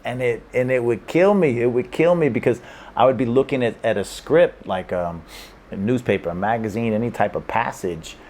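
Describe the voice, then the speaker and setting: Speaking to camera from a Hong Kong room, a man gives loose, informal tips on learning languages. His voice is medium-pitched and darkish, at a normal speed. He wanders and repeats himself, with many restarts and small laughs.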